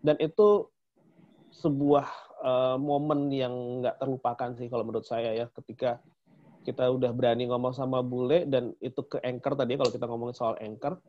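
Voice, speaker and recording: A man's voice: medium pitch, steady tone, a little fast. A man co-hosting a casual promotional chat about a training, chatty and laughing often. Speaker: co-host of a training talk. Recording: dull lo-fi sound.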